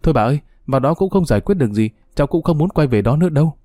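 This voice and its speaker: A man voicing a hurt young boy who speaks quietly and earnestly. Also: on the high side, lively intonation, very fast, dry recording, studio quality.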